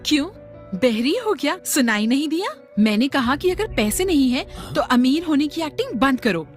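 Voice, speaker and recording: A woman's voice: sits high, very animated, moderate pace, faint music behind. A woman voicing a snobbish shop saleswoman who talks down to customers, in a dubbed drama. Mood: snooty. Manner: contemptuous, mocking. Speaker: voice actor. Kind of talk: Hindi dub acting.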